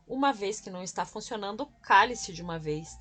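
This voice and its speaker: A woman's voice: medium pitch, animated, fairly quick, fairly bright tone. A woman reading the lines of a blunt, bossy young man in an audiobook. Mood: curt. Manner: curt, commanding.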